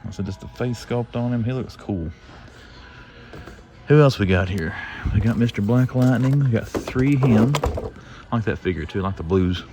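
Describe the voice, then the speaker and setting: Over music, a lowish-voiced man at a moderate pace vlogs his toy hunt through store aisles. He's middle-aged with a Southern drawl, a collector who chats and rambles to himself while scanning the shelves on a casual walk-through.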